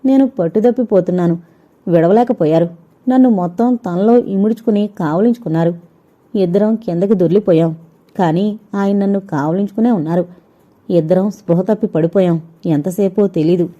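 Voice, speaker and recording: A woman's voice: medium pitch, moderate pace, mellow, highs cut off. A woman narrating a suspense audio novel in the first person, giving the characters' lines small voice shifts.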